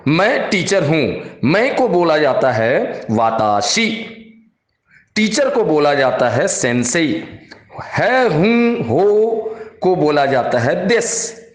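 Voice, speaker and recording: A man, teaching a beginner Japanese grammar lesson and explaining slowly, with repeated words and spelled-out English examples. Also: on the high side, roomy sound. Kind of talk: classroom-style grammar lesson.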